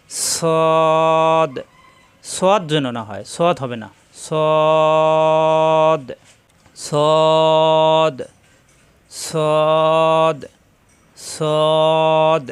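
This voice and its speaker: A Bangladeshi Bengali-accented man teaches Arabic letters for Quran reading, his voice a little high and smooth. He says each letter sound slowly, several times in a row, and explains where the tongue and lips go. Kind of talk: lesson on recognising Arabic letters.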